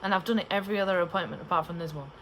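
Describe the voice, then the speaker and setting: A woman's voice: fairly low pitch, very fast, a bit bright, slight background noise. A young woman chatting casually to camera in a rambling, storytelling way. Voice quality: cannot pronounce P in the middle of words. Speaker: pregnancy vlogger.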